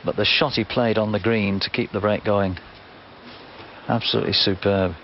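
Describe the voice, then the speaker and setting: A man's voice: fairly low pitch, fairly even intonation, normal speed. A man giving live commentary on a snooker match from the arena. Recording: noisy, muffled TV broadcast sound.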